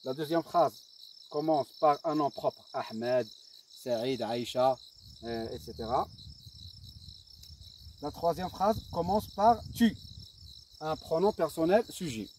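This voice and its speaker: A male teacher giving a slow, lively grammar lesson, dictating and repeating himself with hesitations. His voice is picked up from a distance, with faint insect chirping in the background. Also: on the high side, a little hiss or hum. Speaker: primary school teacher.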